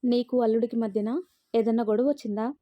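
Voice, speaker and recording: A woman's voice: on the high side, fairly quick, no echo, dull audio, natural voice. A woman voicing a stern middle-aged mother who harshly lectures her grown daughter.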